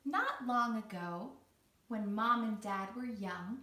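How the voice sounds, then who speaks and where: Taking it slowly, a woman with a bright, forceful mid-range voice hosts a read-along for young children as a teaching artist, mixing a guided exercise with storytelling. She's encouraging and theatrical, choosing her words carefully. It's recorded at a distance in a roomy space, with slight background noise.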